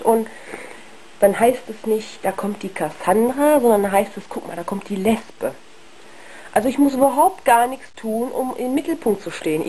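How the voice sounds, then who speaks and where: A young woman talking frankly and haltingly in a casual video monologue, ill with flu, her worn, husky voice giving out. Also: mid-range voice, warm tone, rough recording. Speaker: video blogger. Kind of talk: casual personal monologue to camera.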